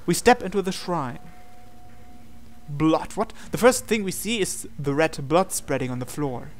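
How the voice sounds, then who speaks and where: This man reads a visual novel's narration dramatically as host of the playthrough, adding commentary along the way. He sounds a little high and animated, speaking at a slightly slow pace.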